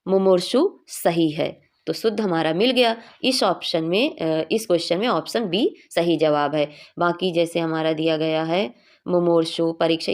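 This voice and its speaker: A woman's voice: fairly low pitch, a little mellow. A young woman teaching a Hindi exam revision class, explaining each answer patiently and often checking in with her students.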